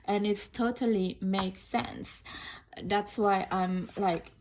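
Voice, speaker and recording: A woman's voice: medium pitch, fairly even intonation, slow pace, a little mellow, slight background noise. A woman from Indonesia, not an English speaker, talking casually and thoughtfully in a tarot review, rambling with many fillers and restarts. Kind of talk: casual unboxing review talk.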